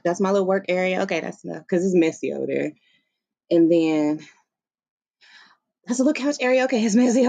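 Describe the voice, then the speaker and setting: Her voice sits lowish, with vocal fry and a darkish tone. A livestream host and author with a Southern US accent, she chats playfully and casually from a beanbag in a room at home. The recording comes through her laptop's built-in mic, no external microphone attached.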